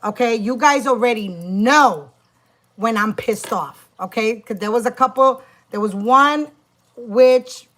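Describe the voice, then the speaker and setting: A middle-aged woman tells a story to her camera in a casual vlog, cursing freely and restarting her sentences as she builds her point. Her voice is bright and sits a little high. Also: a little slow. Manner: emphatic, profane, many restarts. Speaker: spiritual practitioner and YouTuber.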